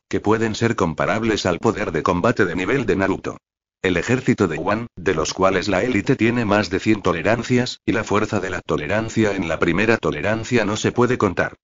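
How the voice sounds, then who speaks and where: Low-voiced man narrating, dull lo-fi sound. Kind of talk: audiobook narration. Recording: dull lo-fi audio.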